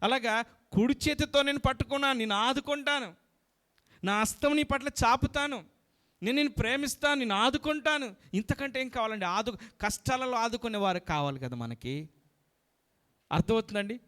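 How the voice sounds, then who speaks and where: A man's voice: extremely high pitch, moderate pace, sharp tone. A man preaching a sermon in church, asking the congregation questions, calling for amens, and mixing in English phrases. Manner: asks the congregation frequent questions, calls for amens; mixes in English words and phrases. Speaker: pastor.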